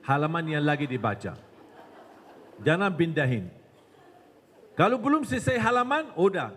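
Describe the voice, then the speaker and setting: A man from Medina giving a religious lecture, telling stories and acting out their dialogue. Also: a little high. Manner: animated storytelling, acts out dialogue. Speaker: preacher. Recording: long hall reverb.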